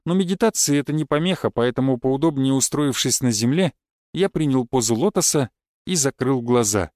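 A man narrating a first-person audiobook in a calm, cold, matter-of-fact manner. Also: medium pitch, a little fast, dry recording, studio quality.

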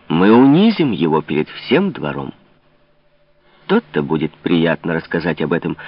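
A man reading an audiobook, voicing a cold, mocking king in a low, measured tone. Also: heavily acted. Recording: dull lo-fi recording.

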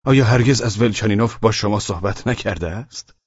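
A man voicing a hearty, teasing gentleman close to his own reading voice, in an audiobook. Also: on the low side, slightly rough, no room sound, muffled recording, pitched above the performer's own voice. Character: cheerful worldly gentleman.

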